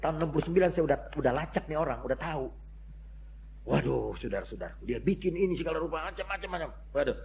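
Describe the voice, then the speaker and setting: An older man preaching a sermon, telling stories with loud exclamations that drop to near-murmurs. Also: a little high, lively intonation, quick pace, vocal fry. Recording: dull lo-fi sermon recording with faint hum.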